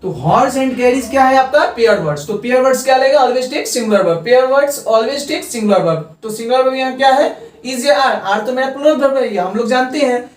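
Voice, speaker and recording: A male grammar teacher who spells out example sentences at a slow, deliberate pace and keeps asking his class "okay?". His voice sits at an everyday pitch for a man. It rings around a bare, echoey room and comes from some distance away from the microphone. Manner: dictates example sentences slowly, checks in with "okay?". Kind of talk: video lesson. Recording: echoey room, far from the mic.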